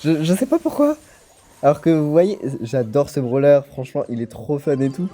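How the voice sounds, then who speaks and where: A man's voice: on the high side, big pitch swings, moderate pace, mellow. A man giving casual commentary on his gameplay, rambling and stammering as he repeats words. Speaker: gaming channel host.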